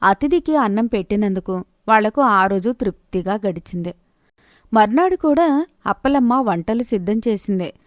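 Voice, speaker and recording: A woman with a mid-range voice and lively intonation narrates a scripted moral story in a storybook style at a moderate pace. The recording is studio quality with no room sound.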